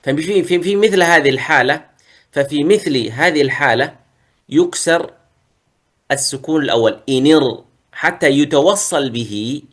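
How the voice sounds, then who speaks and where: A man teaching a tajweed lesson, reciting verses slowly, then explaining and modelling pronunciations. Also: a little high, lively intonation, a bit bright.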